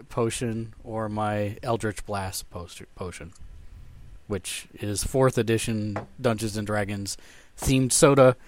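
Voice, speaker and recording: A man hosting a casual gaming podcast over a video call, relaxed and chatty and quick to laugh. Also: mid-range voice, slight background noise. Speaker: podcast host. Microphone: video call mic.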